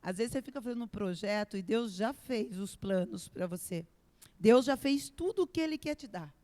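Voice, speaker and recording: A woman with a Brazilian Portuguese accent preaching a live church sermon, expressive and dramatic, swinging between soft and loud delivery. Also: medium pitch, moderate pace. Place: church sanctuary. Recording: echoey church hall with long reverb.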